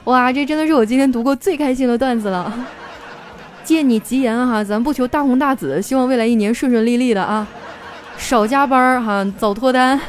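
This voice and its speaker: A woman's voice: fairly high pitch, a little fast, a little hiss or hum. Playful woman host. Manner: playful, laughs through her lines. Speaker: radio-style host reading listener jokes. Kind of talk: casual joke-reading show.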